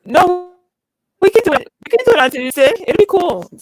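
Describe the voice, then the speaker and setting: A woman's voice: sits high, very animated, a little fast, no echo, faint music behind, rough recording. A woman co-hosting a casual live stream over an online call, her audio glitching and sounding robotic as it breaks up. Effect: glitchy, robotic-sounding call audio that keeps breaking up. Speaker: co-host.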